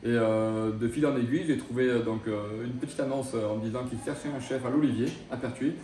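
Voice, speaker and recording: This man, a chef from France in his thirties, responds to an interviewer with frequent hesitations, fillers and false starts. He has a warm, mid-range voice and a fairly quick pace, recorded with a distant mic in an echoey room.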